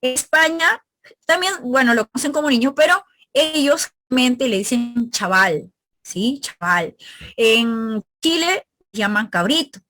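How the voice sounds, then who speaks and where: A Peruvian woman with a northern-coast accent leads a recorded pre-university review lecture, speaking in a high, lively voice that's a little slow and fairly bright, with no room sound. She walks through the material step by step and keeps checking in with her students.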